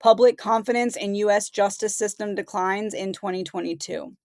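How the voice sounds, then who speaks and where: A woman's voice: medium pitch, moderate pace, darkish tone, dry recording, clean studio sound. A woman losing her voice, reading out headlines and commenting on them in a conversational way as host of her own channel. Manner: conversational, reads headlines aloud. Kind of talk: casual commentary.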